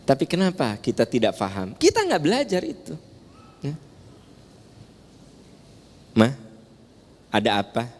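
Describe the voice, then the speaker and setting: A man's voice: a little high, huge pitch swings, a little slow, pauses often, darkish tone. A man with a Sundanese accent giving a playful, teasing sermon in a large mosque, joking with the audience and asking them questions. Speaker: preacher. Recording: long hall reverb in a large mosque.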